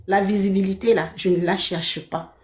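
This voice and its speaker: A woman's voice: medium pitch, fairly even intonation, normal speed, echoey room. A woman from Belgium on a heated live stream, speaking from her apartment, indignant and repeating her points.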